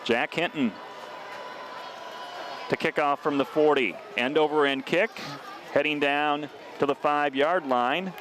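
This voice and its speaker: As the regular announcer, a man calls play-by-play for a local high school football game at a measured pace with long pauses. He talks steadily but climbs sharply on scoring plays, against a noisy background.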